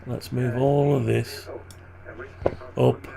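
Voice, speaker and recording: A man with a groggy, gravelly morning voice and vocal fry endings, giving casual, hesitant think-aloud commentary on his screen work. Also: medium pitch, steady tone, extremely slow, a crowd in the background. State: groggy morning voice, clearing throat. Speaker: maker narrating a design tutorial.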